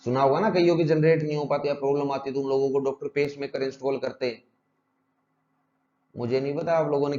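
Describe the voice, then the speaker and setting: A man's voice: medium pitch, dark tone, highs cut off. A male teacher giving an exam-prep lecture, drilling terms through repetition and rhetorical questions.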